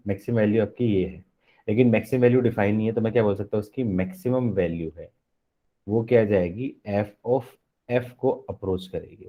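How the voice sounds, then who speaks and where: A man's voice: lowish voice, highs cut off. A man teaching a live online maths lecture in a Hindi-mix, explaining step by step and constantly asking the class questions.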